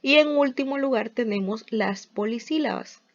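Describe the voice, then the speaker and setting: A woman's voice: fairly high pitch, moderate pace. Patient woman teaching a spelling lesson. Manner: patient, explains step by step with examples; often starts sentences with "entonces". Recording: dull lo-fi recording.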